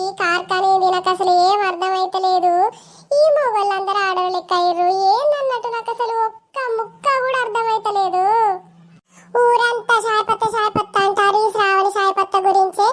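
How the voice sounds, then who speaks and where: A woman's voice: extremely high pitch, fairly even intonation, slight background noise. A woman playing a bossy, scolding village wife. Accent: Telangana Telugu. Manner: scolding, brusque, rapid-fire. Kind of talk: cartoon voice acting.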